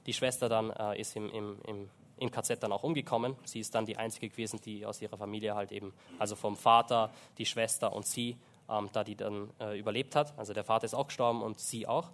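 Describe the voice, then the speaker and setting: A man preaching a sermon in a church, earnest and halting, with many fillers and restarts. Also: fairly low pitch, fairly even intonation. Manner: earnest, slows down for emphasis in prayer.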